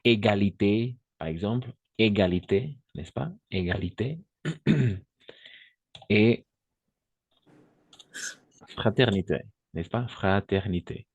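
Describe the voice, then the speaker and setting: Slow, low-voiced man teaching French. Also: expressive, darkish tone, husky, muffled recording. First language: Spanish. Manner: patient, repeats words slowly and checks with "d'accord?". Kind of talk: online language lesson.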